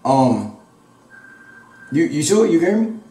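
A young man with a mellow, slightly high voice, hesitating and stammering as he makes a phone prank. He sounds off the mic, in a roomy space with a clear echo. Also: sing-song, a little slow, recorded from a distance. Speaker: prank caller on a phone call.

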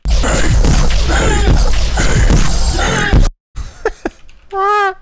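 A music producer whose own laughs and yelps are pitched far up into a chipmunk voice. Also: male voice, completely flat delivery, drawn-out words. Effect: sped-up, pitched-up chipmunk voice. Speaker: music producer making a beat from his own voice. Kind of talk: casual studio chat. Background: loud electronic music.

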